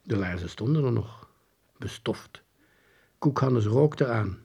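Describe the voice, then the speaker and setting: Gravelly male storybook narrator. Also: measured pace. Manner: lively storytelling with varied pitch. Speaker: audiobook reader. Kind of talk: scripted narration of a children's book.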